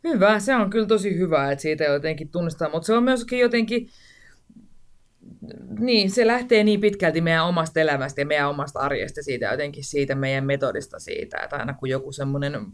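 Chatty woman in her forties. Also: low voice. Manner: chatty, with many fillers and restarts. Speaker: guest, screenwriter and director. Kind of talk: casual interview chat.

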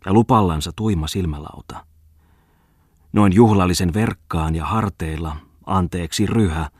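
A man's voice: low-pitched, darkish tone, slightly rough, no room sound, studio quality. A man reading as a pompous reciting poet. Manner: declaiming rhymed verse with swelling emphasis. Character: pompous young male poet reciting mocking verse.

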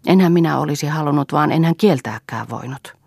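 A woman reading aloud voices a sharp-tongued grown woman who speaks pointedly. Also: low voice, vocal fry, breathy edge, no room sound, clean studio sound, full character voice.

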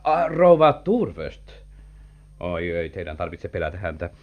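A sly, flirtatious gentleman who talks with big theatrical swoops, rising and falling all over. It sounds like a dull, lo-fi vintage radio recording. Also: low-pitched, very animated. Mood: smooth. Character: sly, flirtatious gentleman bearing news of an inheritance. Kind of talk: vintage radio play acting.

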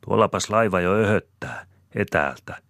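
A man's voice: low voice, dry recording, clean studio sound, voice pushed up. A man putting on a pushy country wife. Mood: insistent. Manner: insistent, wheedling. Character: pushy scheming middle-aged country wife.

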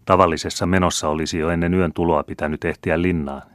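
A male audiobook narrator with a very deep, low voice reads a classic novel at a measured, steady pace. The recording is dry and close, with no room echo.

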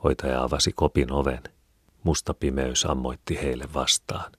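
Very deep, gravelly male narrator. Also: fairly even intonation, a bit bright, dry recording, studio quality. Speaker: audiobook reader. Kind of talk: scripted narration.

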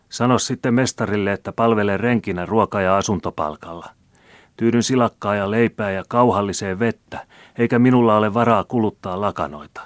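A man's voice: on the low side, dry recording, pitched above the performer's own voice, lightly acted. A man reading aloud and voicing a greedy old male miser who pleads and whines in self-pity. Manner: wheedling, self-pitying pleading.

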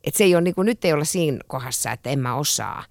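Näyttelijänä vieraileva nainen, joka juttelee ja lukee tekstejä leikkisästi eri rooleissa, kompastellen sanoihin. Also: female voice, sits low, vocal fry, no echo. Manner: animated, playful, stumbling over words in character. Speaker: actress guest. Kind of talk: improvised comic readings in roles.

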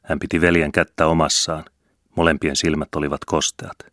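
A man reads a novel aloud in a steady, measured storybook manner. His voice is strikingly deep and low. The recording is close and completely dry, with no room echo. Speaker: audiobook reader. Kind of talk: scripted narration.

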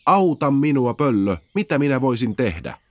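A man's voice: mid-range voice, very animated, no room sound, voice pushed up, natural voice. A man voicing a young unicorn fawn, sad and lonely, with a plaintive, wondering manner. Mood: anxious, wondering.

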